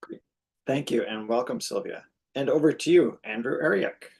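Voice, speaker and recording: A man's voice: medium pitch, lively intonation, normal speed, creaky, darkish tone, husky. A man moderating a formal panel as a professor, speaking on a video call.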